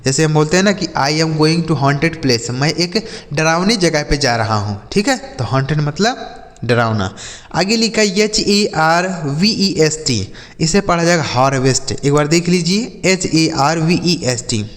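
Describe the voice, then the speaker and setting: A man's voice: fairly high pitch, animated, measured pace, fairly bright tone. A man teaching English vocabulary to children in a voice, spelling each word letter by letter and quizzing his pupils with repeated questions. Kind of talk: spoken English vocabulary lesson. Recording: long reverb, roomy sound.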